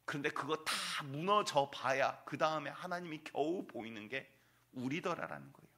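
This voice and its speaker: A man preaching to his congregation as their pastor, pressing his points with one rhetorical question after another. His voice is bright and forceful. It carries through a church sanctuary. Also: a little high, expressive, normal speed. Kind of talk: sermon.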